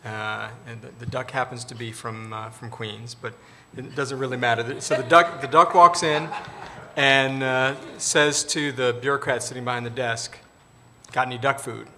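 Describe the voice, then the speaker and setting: A man, a government official on a panel, giving measured, formal answers about policy. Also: medium pitch, steady tone, bright, forceful tone, a little hiss or hum.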